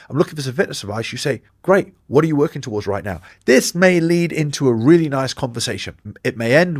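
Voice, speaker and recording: A man coaching fitness coaches, talking straight to the listener in a direct, energetic way and acting out sample direct messages in quick asides. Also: mid-range voice, dry recording, clean studio sound. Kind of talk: instructional talk to camera.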